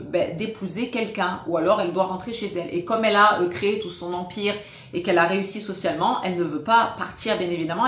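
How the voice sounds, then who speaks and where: A woman talks through a few favourite films in a relaxed, unscripted way. She hesitates often and fills gaps with little pauses, though her enthusiasm comes through. Her voice sits a little low, and the room around her rings with echo. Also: slight background noise. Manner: hesitant, many filler pauses, warmly enthusiastic. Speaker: film recommender. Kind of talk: casual spoken film recommendations.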